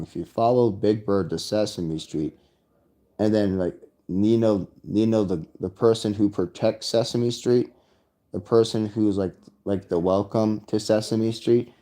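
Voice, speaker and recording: Casting note: man, slow meandering monologue, warm mellow tone. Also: lowish voice. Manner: rambling, breaks into sung lyrics and put-on quotes. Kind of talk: rambling solo monologue.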